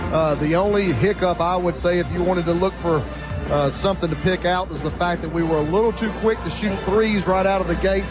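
A man's voice: on the high side, poor audio. An American man giving conversational game analysis as a sports commentator.

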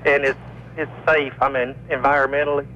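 A man calling in to a radio show over a phone line, asking a question in a hesitant way, with many filler pauses. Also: medium pitch, little pitch movement, bright, forceful tone, slight background noise. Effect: caller heard over a phone line. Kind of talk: casual call-in question. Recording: slightly dull phone line.

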